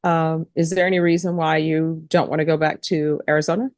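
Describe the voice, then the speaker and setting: Speaking fairly quickly in a deep, slightly mellow voice with flat delivery, a woman judge presides over a court hearing. She questions people formally and procedurally, spelling out names. The audio is studio quality without echo.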